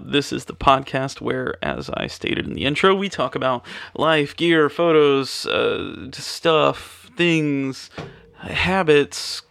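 A man's voice: medium pitch, creaky. A young man hosting his own podcast from a spare-bedroom studio, chatting casually with lots of fillers and restarts. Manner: relaxed, many fillers and restarts. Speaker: podcast host. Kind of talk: casual rambling monologue. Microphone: studio microphone.

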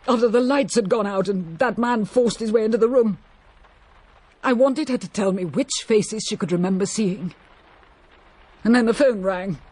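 A woman's voice: on the high side, darkish tone, husky. A woman playing a blunt, brusque countrywoman in a radio drama, distraught after a shock.

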